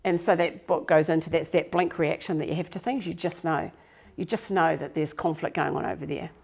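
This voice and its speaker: A middle-aged woman coaches a live workshop group, her voice pitched low with a gravelly edge. She talks in a chatty, self-deprecating way to the people in the room. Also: fairly even intonation, a little fast. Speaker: business coach presenting a workshop.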